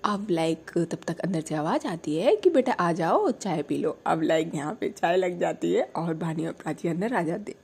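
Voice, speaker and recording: A woman's voice: lowish voice, expressive, moderate pace, creaky, hardly any pauses, darkish tone, slightly rough. A young woman telling a romance story in a casual, chatty way, full of asides and filler words.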